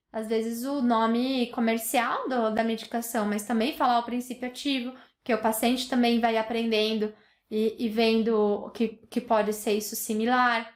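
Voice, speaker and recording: A woman doctor with a Brazilian Portuguese accent explaining a topic in an educational talk, with many fillers and restarts. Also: fairly high pitch. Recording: echoey room.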